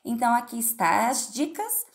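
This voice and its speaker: A woman's voice: fairly high pitch, sing-song, moderate pace. A woman teacher from Brazil explaining a remote lesson to children, patiently asking questions and answering them herself. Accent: Brazilian Portuguese.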